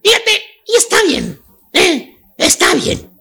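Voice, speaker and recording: A Mexican woman telling comic stories on a radio show, rowdy and slangy, often laughing and shouting. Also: very high voice, sing-song, slow pace, vocal fry. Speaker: radio comedy host.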